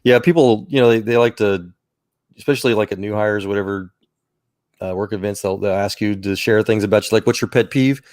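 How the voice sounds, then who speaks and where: A man's voice: lowish voice, steady tone, brisk, darkish tone, no room sound. A man chatting casually about faith, telling rambling personal stories with many restarts and chuckles. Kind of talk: casual chat.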